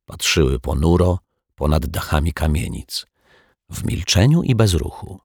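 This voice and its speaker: A man narrating a children's storybook in a calm, even storytelling manner, recorded on a close microphone. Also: very deep voice, measured pace, gravelly, husky, no echo. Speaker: audiobook narrator.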